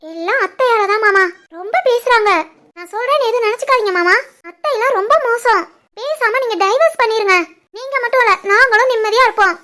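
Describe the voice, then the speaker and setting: A bold young daughter-in-law in a cartoon, voiced by a woman, speaking in a very high, bright voice. She lectures and talks back defiantly, and has a southern Tirunelveli Tamil accent. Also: quick pace. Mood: pleading. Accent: southern Tamil Nadu (Tirunelveli) Tamil. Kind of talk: animated family drama voice acting.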